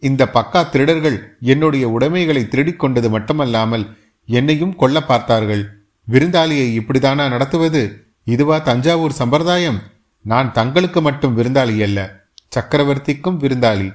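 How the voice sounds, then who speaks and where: A brash young warrior, bold and quick with his tongue, as a male narrator puts him on. He speaks with indignant, commanding force in a storybook reading. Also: medium pitch, lightly acted.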